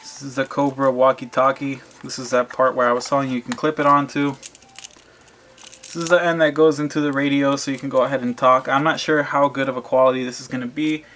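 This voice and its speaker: A male vlogger explains things informally to his viewers while unboxing, using a medium-pitched, level voice that is fairly quick and a bit bright. Background noise and crinkling packaging come through on a clear recording.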